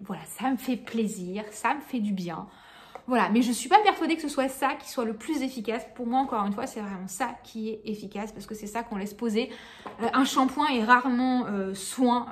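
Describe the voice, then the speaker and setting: A woman chatting casually about beauty products she has used up, full of fillers, restarts and frank remarks. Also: a little high. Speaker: beauty vlogger.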